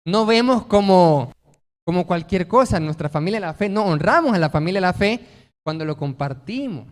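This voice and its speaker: A pastor delivers a sermon to his congregation. His voice sits high for a man, and he leans hard on key words. He keeps asking the room questions and answering them himself. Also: lively intonation, moderate pace, in a large hall. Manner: emphatic, asks rhetorical questions and answers them.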